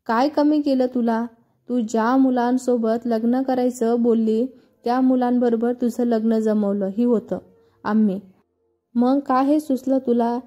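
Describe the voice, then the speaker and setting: A woman's voice: on the high side, steady tone, a little slow, mellow. A woman voicing a stern father who reproaches his daughter, in a storybook reading. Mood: reproachful. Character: stern disappointed father of a bride.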